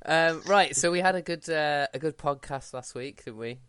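A man's voice: on the high side, normal speed, crowd noise. A man hosting a casual podcast, reading news stories aloud and giggling often. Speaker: podcast host.

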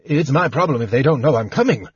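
A man's voice: medium pitch, sing-song, unhurried, husky, no echo, dull audio. A man voicing a cranky, befuddled old male wizard who sounds flustered and irritable.

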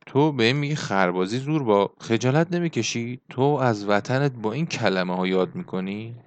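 A man's voice: medium pitch, lively intonation, clean tone, lightly acted. A man voicing a bookish young male narrator in an audiobook, earnest and challenging in tone.

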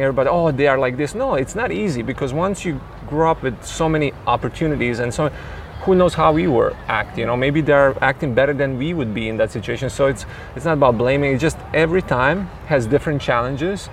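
A man's voice: medium pitch, slight background noise. Croatian-accented man, rambling and thoughtful. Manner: thoughtful, rambling, many fillers and restarts. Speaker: tennis coach. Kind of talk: casual interview.

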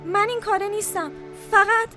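An actress playing a frightened, remorseful young accomplice in an audio drama, protesting and pleading in anguish. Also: female voice, extremely high pitch, bright, forceful tone, faint music behind.

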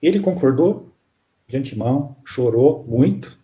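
A man, a spiritist counselor, telling a story in an interview in a calm, halting way with many fillers. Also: medium pitch, muffled recording.

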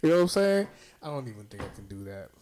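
A man's voice: mid-range voice, big pitch swings, fast talker, a little mellow. A man in his late thirties hosting a podcast, talking loosely, swearing and acting out voices in his stories. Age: late 30s. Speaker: podcast host. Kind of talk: casual chat.

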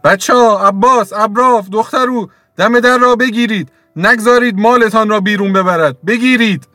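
A man's voice: high-pitched, bright, forceful tone, no room sound, clean studio sound, faint music behind, voice pushed up. Shrieking furious village mother, voiced by a man. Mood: screaming. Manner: screaming, defiant, raw. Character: fierce poor village mother, woman, shrieking.

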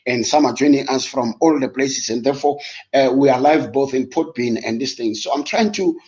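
A man's voice: medium pitch, brisk, darkish tone. A South African man, a native Sotho speaker, preaching a live-streamed Bible lesson with emphatic repetition and rhetorical questions. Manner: switches between English and Sotho. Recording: dull, lo-fi live-stream audio.

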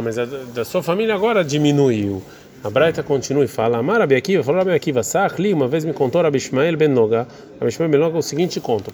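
A man's voice: a little high, darkish tone. A man teaching Talmud, reading Hebrew phrases aloud and then explaining each one, with some hesitation. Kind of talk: reading and translating a text aloud.

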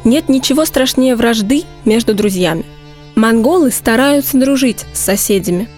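A woman calmly explaining words and customs in a measured, educational way. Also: on the high side, soft background music. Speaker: presenter.

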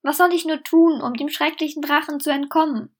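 A woman's voice: sits high, steady tone, fairly quick, natural voice. A woman doing a scheming young princess. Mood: plaintive. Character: captive sixteen-year-old princess, scheming and sharp.

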